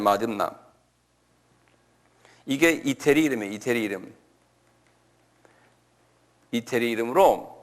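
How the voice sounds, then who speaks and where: Slow-talking Korean pastor lecturing. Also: male voice, a little high, a bit bright. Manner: asks the listeners questions and answers them himself; repeats key words slowly. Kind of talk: sermon-style Bible lecture.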